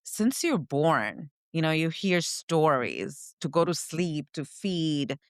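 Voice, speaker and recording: A woman from India, a podcast co-host reflectively recounting her upbringing, often pausing to search for words. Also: low voice, very animated, no echo, clean studio sound. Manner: reflective, searching for words, frequent "you know". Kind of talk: personal storytelling in conversation.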